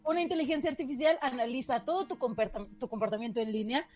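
Chatty, laughing woman, high voice. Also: over loud music. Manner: laughing, chatty, quick asides. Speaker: co-host presenting a tech news item. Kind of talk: casual panel chat.

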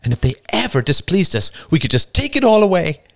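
A man reading the part of a content, earnest teenage girl in an audiobook, reflective and unhurried. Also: mid-range voice, big pitch swings. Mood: mischievous.

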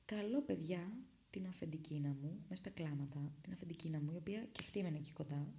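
Gravelly low-voiced young woman storyteller. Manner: dramatic retelling that swings between hushed whispers and loud bursts. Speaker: vlogger telling a personal story. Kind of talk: casual storytelling.

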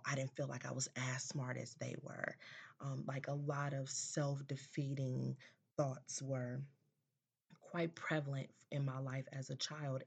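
A woman hosting a podcast in a casual monologue, with a drawn-out, sing-song, welcoming delivery. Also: a bass voice, darkish tone. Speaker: podcast host.

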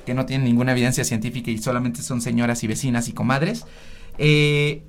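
A man's voice: medium pitch, flat delivery, a little fast. A man with a Mexican accent, a doctor telling his story on a panel in a sarcastic, joking way. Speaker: doctor and social media health creator. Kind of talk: panel talk, personal storytelling.

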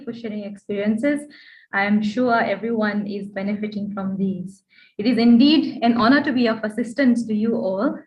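A woman with a Fijian accent giving a prepared presentation as a guest speaker, earnest and advisory. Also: on the high side. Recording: dull online call audio.

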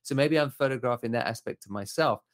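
A man's voice: medium pitch, quick pace. A middle-aged man from Southern Africa, a photographer guest talking in a thoughtful, candid and self-questioning way. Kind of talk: reflective interview talk.

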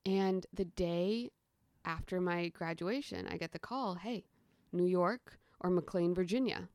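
Animated young woman telling stories. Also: lowish voice, measured pace, no echo, clean studio sound. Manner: animated, acts out quoted dialogue, frequent "like". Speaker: podcast guest, storyteller. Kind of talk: casual storytelling interview.

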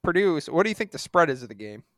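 A man's voice: on the high side, sing-song, racing, no room sound. A man co-hosting a sports podcast with casual banter and a wry, dismissive fan's manner.

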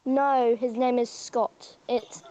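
A woman's voice: fairly high pitch, fairly even intonation, slow, warm tone, lo-fi sound. A woman co-hosting a casual podcast outdoors, often exasperated and pleading with the others. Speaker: podcast co-host. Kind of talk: casual banter.

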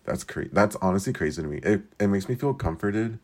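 A man's voice: fairly low pitch, animated, a little fast. A twenty-year-old man from California, talking alone in a rambling, casual way, full of "like" and swearing. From Southern California. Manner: rambling, filler-heavy with lots of "like" and frequent swearing. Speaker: podcast host. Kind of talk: casual solo monologue.

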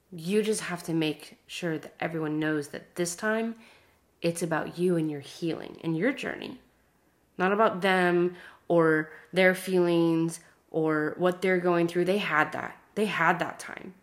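With a low voice, fairly even intonation and a slightly slow delivery, a woman in her thirties speaks to her podcast listeners. Her personal monologue is earnest and encouraging, at times dropping to a hushed whisper.

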